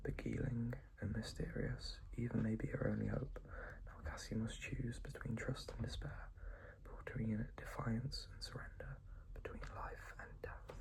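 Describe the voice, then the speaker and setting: A person in a whispered role-play as a librarian recommending books, speaking in a soft, breathy, reassuring library whisper with some creak. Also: medium pitch, level tone, measured pace, low-quality recording.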